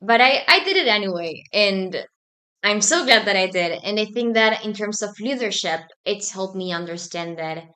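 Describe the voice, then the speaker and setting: A young Argentine woman whose first language is Spanish appears as a guest in a casual interview, speaking as a student society president. She's thoughtful and measured, with frequent ums, and her mid-range voice is expressive, pushed and bright.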